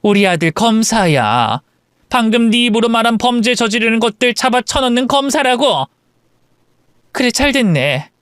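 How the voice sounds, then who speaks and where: A man's voice: extremely high pitch, very animated, moderate pace, fairly bright tone, clean tone, dry recording, studio quality, heavily acted. A man voicing an indignant middle-aged mother standing up to bullies in a story drama. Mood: defiant.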